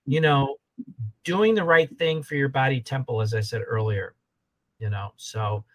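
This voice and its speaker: A man's voice: mid-range voice, measured pace, poor audio. A man in his sixties, a holistic health coach, talking as a podcast guest and repeating his points in a rambling way. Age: 60s. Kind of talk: casual podcast conversation.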